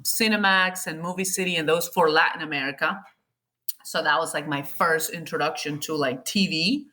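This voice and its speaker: Woman, 40s, bright and open tone, chatty interview guest. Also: sits low. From Colombia. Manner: candid, chatty, talks with self-corrections. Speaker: guest, golf TV producer. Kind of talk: casual interview chat.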